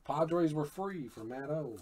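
A man hosting a live card break, calling out each card in a low-key way and bursting into loud shouts on big pulls. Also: expressive, slow, a little hiss or hum.

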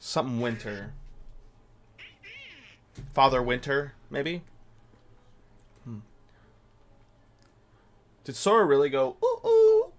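A male game streamer with a medium-pitched voice mutters slangy reactions while casually commentating on gameplay. He's expressive but takes his time, leaving long pauses. He sits at a desk in a small indoor room, with game music, keyboard clicks and typing in the background.

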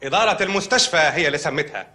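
An actor with an Egyptian Arabic accent playing an odd male hospital doctor who calmly delivers absurd news in a film comedy. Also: on the high side, racing. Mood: matter-of-fact.

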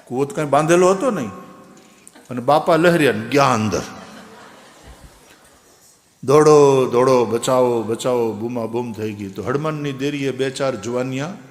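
A man's voice: medium pitch, lively intonation, normal speed. A man telling a parable in a sermon, who acts out the voices in the story. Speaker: religious storyteller. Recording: echoey hall with long reverb.

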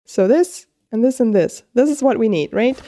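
A woman commentating her own gameplay, excitable, gasping and pleading with the game as she plays. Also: on the high side, moderate pace, a little hiss or hum. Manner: excitable, gasps and squeals with delight. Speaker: gaming video creator.

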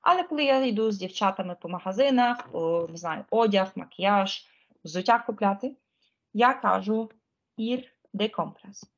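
A woman's voice: medium pitch, animated, moderate pace, dull audio. A woman giving an online Spanish lesson in a chatty, informal way, often checking whether her students follow. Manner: frets about pressing buttons. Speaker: Spanish teacher.

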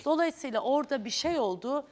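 A woman's voice: high-pitched, expressive, fast, darkish tone, a little hiss or hum. Probing woman talk show host. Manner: probing, reasoning step by step. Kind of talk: daytime talk show confrontation. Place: television studio.

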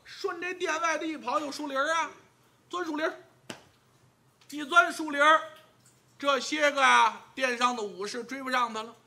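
A man telling a traditional pingshu tale in a lively, vivid and humorous way. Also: extremely high pitch, moderate pace, creaky. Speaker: storyteller.

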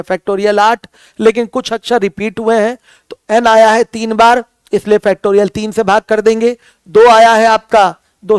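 A male math teacher with a very high, smooth and resonant voice. He keeps calling his students his children and poses questions that he answers right away. The sound is dry and close, with no room echo. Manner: calls students "my children", asks questions and answers them himself. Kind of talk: classroom lecture.

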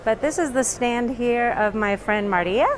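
A woman's voice: on the high side, normal speed. A woman guiding a casual walking tour, her speech muffled as she talks through a face mask. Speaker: local tour guide vlogger. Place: covered market and its entrance. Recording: noisy handheld recording with market ambience.

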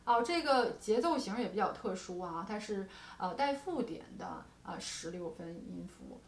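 A woman's voice: medium pitch, expressive, moderate pace, vocal fry, a little hiss or hum. Patient woman guqin teacher, echoey room. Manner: patient explaining with frequent soft particles. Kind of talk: music lesson with demonstrations. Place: music studio.

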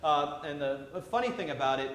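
A man, a priest, preaches a sermon into a pulpit microphone in a church, halting often with "uh" fillers. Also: on the high side, expressive. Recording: echoey church sound with faint hum.

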